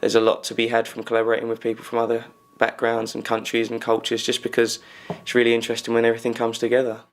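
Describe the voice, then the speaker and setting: A man in his twenties, working as an animator, answers interview questions. His pitch barely moves at all, and he keeps a level, even delivery throughout. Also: fast talker. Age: 20s.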